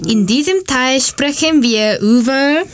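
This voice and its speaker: A woman from Japan presents in careful German, speaking at a slow pace. Her voice sits a little high, and she reads deliberately from a script. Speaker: student presenter. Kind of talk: read-aloud presentation.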